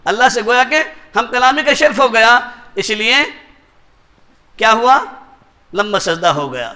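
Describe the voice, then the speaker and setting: A man's voice: extremely high pitch, lively intonation, bright, forceful tone. A man with an Indian Urdu accent giving a sermon, as a mufti preacher who keeps asking rhetorical questions and tagging lines with short checks to his listeners. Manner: rhetorical questions, repeated tag questions.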